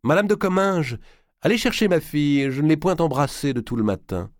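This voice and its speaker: A man's voice: fairly quick, darkish tone, no room sound, studio quality, lightly acted. A man doing a haughty, cooing young queen. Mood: gushing, commanding. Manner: high, cooing, theatrical.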